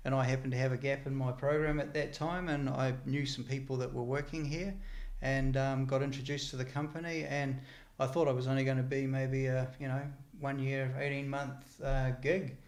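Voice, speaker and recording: Male interviewee, middle-aged, casual and halting, little pitch movement, echoey room recording. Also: little pitch movement. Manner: hesitant, halting delivery. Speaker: company sales engineer interviewee. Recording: roomy echo.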